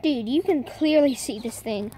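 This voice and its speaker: A young woman with a high, dark, slightly rough voice talks at normal speed, rambling and hesitating with lots of "like" and "I mean." She's a nature vlogger making a casual outdoor vlog in a backyard, filming on a handheld phone camera while birds chirp faintly in the background.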